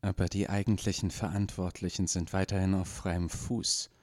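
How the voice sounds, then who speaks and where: A man's voice: low-pitched, flat delivery, normal speed, a little mellow, close to an everyday voice. A man reading as a tense, overworked male lab scientist who speaks nervously. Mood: uneasy.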